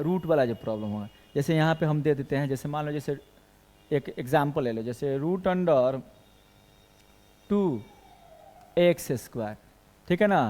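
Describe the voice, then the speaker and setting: A man lectures a math class, working through equations step by step and putting questions to his students. His voice is a little high and a little mellow.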